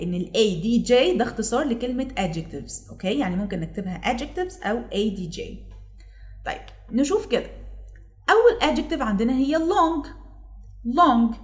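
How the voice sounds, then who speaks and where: Egyptian woman, English teacher, lively up-and-down pitch, slow drawn-out examples. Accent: Egyptian Arabic. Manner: keeps checking in with "okay?". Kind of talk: classroom lesson.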